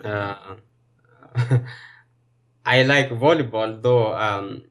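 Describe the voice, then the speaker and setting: A man from Kenya, a guest in a casual interview, speaking hesitantly with many fillers and pauses. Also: on the low side, fairly bright tone. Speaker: guest bodybuilder and personal trainer.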